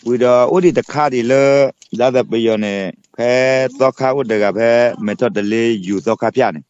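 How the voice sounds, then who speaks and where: A man co-hosting a casual chat, talking in long, rapid, run-on stretches. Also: medium pitch, fairly even intonation, darkish tone, no echo, lo-fi sound.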